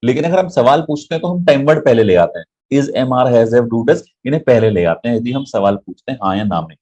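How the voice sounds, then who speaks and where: A man's voice: mid-range voice, expressive, fairly quick, dark tone, dull audio. Man teaching English in Hindi. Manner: explains in Hindi mixed with English, often checking with "right?". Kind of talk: online grammar lesson.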